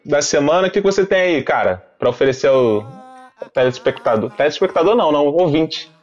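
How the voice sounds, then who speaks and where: A man's voice: on the high side, lively intonation, fairly quick, dull audio. A man with a Brazilian Portuguese accent hosting a casual podcast in a slangy, informal way. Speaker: podcast host.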